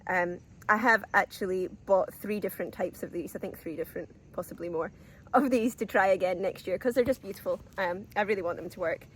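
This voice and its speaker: Showing off her allotment, a woman who vlogs about gardening chats casually despite a cold, sniffling a little and dropping in ums and small laughs. Her pitch is fairly low, and there is slight background noise.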